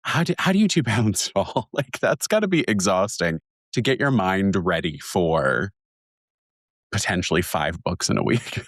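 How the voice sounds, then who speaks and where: A man hosts a relaxed conversation with guests, laughing along as he asks questions. His voice is very low, and the sound is dry and close. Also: moderate pace, dry recording. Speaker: podcast host. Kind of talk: casual interview.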